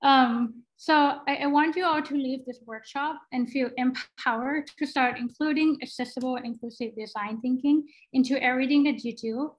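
A young woman from Thailand, a product designer, is a guest on a video call, answering questions casually through her laptop mic. Her high voice moves at a moderate pace with hardly any pauses as she thinks aloud, using fillers and restarts, and the audio is poor.

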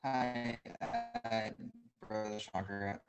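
A man asking a question in a discussion group over a video call, hesitant and halting, his audio choppy and breaking up from a bad internet connection. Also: fairly low pitch, sing-song, faint music behind. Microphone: computer microphone on a video call.

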